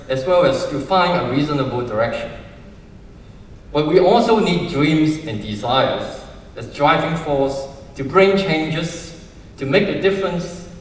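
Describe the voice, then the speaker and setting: A man's voice: on the high side, slight background noise. A man heading a university department, reading a formal commencement speech from notes at a stage mic. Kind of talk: prepared speech read from notes. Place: large hall, on stage at a standing mic. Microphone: stand mic. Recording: roomy hall sound, heard from a distance.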